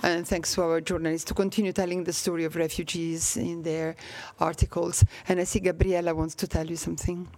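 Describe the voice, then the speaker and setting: A woman's voice: fairly low pitch, level tone, brisk, few pauses, darkish tone. Polite woman briefing moderator. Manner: polite, formal, repeated thanks.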